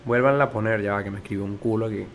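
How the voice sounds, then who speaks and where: A man with a Venezuelan Spanish accent giving excitable, swearing gameplay commentary as a gaming YouTuber. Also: lowish voice, very fast, a little hiss or hum. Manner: excitable, swearing, joking with viewers.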